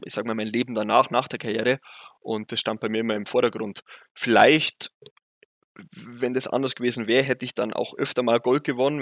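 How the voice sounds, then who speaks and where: A man's voice: medium pitch, no echo, clean studio sound. Bavarian man telling stories. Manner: lively storytelling, laughs often. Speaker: bobsledder guest. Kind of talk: casual interview.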